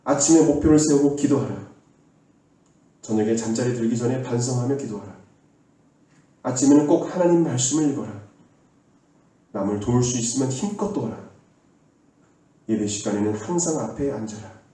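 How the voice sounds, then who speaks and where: A man's voice: medium pitch, lively intonation, normal speed, pauses often, warm tone. A male pastor preaching a sermon, earnestly urging his congregation and leading them in call-and-response. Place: church sanctuary. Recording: echoey hall from far off.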